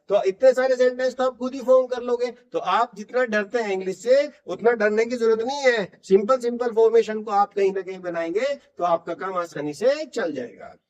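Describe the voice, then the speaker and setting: A man's voice: high-pitched, a little mellow, lo-fi sound. A male English teacher giving a classroom-style lesson, explaining in Hindi and repeating short English example sentences for students to copy. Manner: repeats phrases for drill, asks students rhetorically. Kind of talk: classroom lecture.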